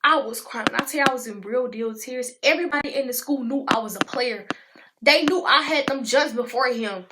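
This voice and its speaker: A teenage woman, telling a storytime in a chatty, animated way and talking to viewers as y'all. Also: high-pitched, a little hiss or hum. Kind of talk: casual storytime vlog.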